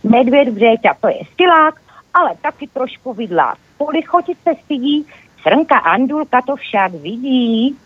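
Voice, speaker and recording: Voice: sits high, very animated, breathy edge, dry recording, pitched above the performer's own voice, heavily acted. A reader voicing a cheeky young male squirrel who teases his friends in sing-song rhymes, heard over a phone line. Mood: teasing. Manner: sing-song rhyming teasing.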